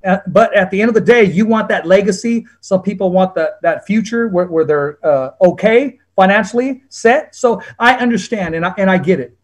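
A man's voice: sits high, normal speed, hardly any pauses. A man in his forties hosting a casual sports interview over a video call. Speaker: sports show host. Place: small room indoors with show banner.

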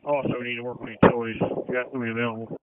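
A man's voice: medium pitch, flat delivery, racing. A man giving terse emergency reports over a two-way radio. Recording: tinny two-way radio, faint noise.

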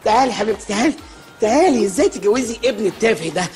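Casting: petulant spoiled Egyptian man-child, rapid-fire, faint music under. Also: high-pitched, lively intonation, darkish tone. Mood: bossy. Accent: Egyptian Arabic. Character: spoiled grown man, childish, rude and whiny. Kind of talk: TV comedy series acting.

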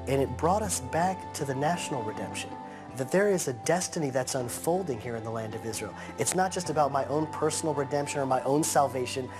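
A man in his thirties with a mid-range voice talks earnestly during an interview on a living-room couch. Raised in the United States, he slows his speech to underline key points.

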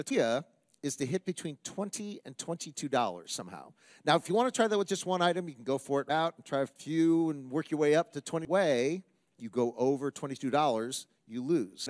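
A man's voice: a little high, no echo. A middle-aged American man hosting a game show, explaining rules off the cuff in a casual, joking way. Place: large TV studio with audience. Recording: studio crowd and music behind. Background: crowd and music.

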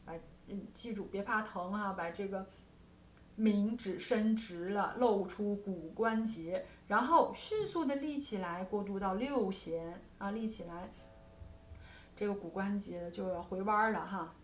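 A woman's voice: mid-range voice, moderate pace. Woman guqin teacher, patient and explanatory, studio with a faint hiss and room echo. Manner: patient explaining with frequent soft particles. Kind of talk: music lesson with demonstrations. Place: music studio.

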